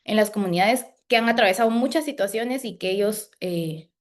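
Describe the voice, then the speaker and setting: Woman journalist, talks slow and halting, restarts a lot, podcast interview. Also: mid-range voice. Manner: thoughtful, halting, many restarts and fillers. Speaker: community journalist.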